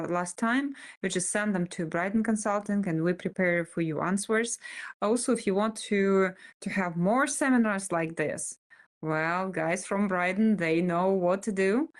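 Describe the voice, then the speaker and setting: Female seminar guest, Russian accent, fairly low pitch, informal delivery.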